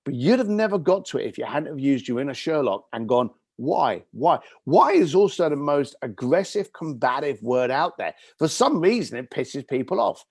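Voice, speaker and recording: Give me a man, recorded dry and close, telling stories in an interview. His voice sits a little high and climbs and falls all over the place as he acts out the people in his stories. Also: very animated, moderate pace, hardly any pauses, no room sound. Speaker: guest. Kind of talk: animated storytelling in an interview.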